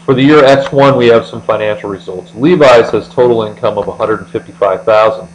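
His voice is on the low side and a little fast: an American man tutoring accounting, methodically explaining a lecture step by step. He speaks over a screen recording indoors, and the rough recording carries a steady mains hum.

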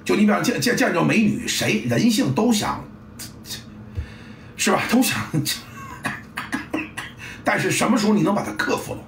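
A man's voice: high voice, sing-song, normal speed, gravelly, long pauses, fairly bright tone, a little hiss or hum. A middle-aged man, a football coach giving a blunt, salty casual monologue and acting out sounds and scenes. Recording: roomy, distant mic, faint ambience.

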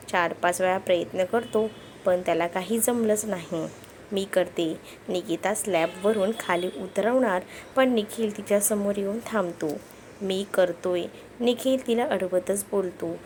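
A woman narrating a romantic story, reading both lovers' lines in her own soft, steady voice. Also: medium pitch, slight background noise. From Maharashtra, India.

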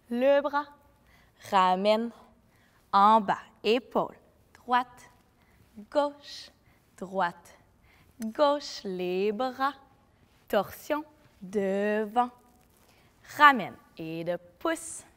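A woman dance instructor calling out moves and counts for a seated routine, cueing each step slowly and clearly. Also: medium pitch, fairly bright tone. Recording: long reverb with music behind. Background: music.

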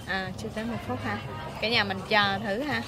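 Walking through a hotel breakfast buffet, a woman narrates a chatty travel vlog full of fillers. Her medium-pitched voice is fairly even in intonation and a little fast. Loud music plays underneath her.

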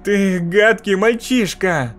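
A man voicing a sinister female spirit in a mirror, slow, loud and menacing. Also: high voice, a little hiss or hum, pitched above the performer's own voice.

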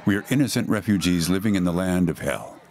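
A man's voice pushed down into a very deep, disguised register, electronically altered to hide who he is. Even so, the pitch swings widely from phrase to phrase as he recounts what was done to him in flat, grim voice-message testimony. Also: fast talker. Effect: disguised deep voice, pitch-lowered to hide identity. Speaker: detained refugee.

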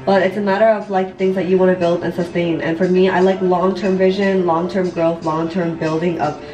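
Doing her makeup in her bathroom at home, a late-twenties vlogger and online business coach chats casually and confessionally to viewers, rambling a little with lots of "like" and "you know" and some swearing. Her lowish voice moves little in pitch and runs a little fast, over music. The camera mic sits a step or two away in an echoey room.

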